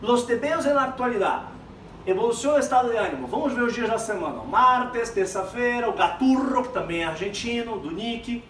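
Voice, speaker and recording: A Brazilian man teaching a Spanish lesson, explaining terms to his students in an animated, direct way. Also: very high-pitched, a little fast. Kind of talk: classroom lesson mixing Spanish and Portuguese. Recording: echoey room, far from mic, faint background noise.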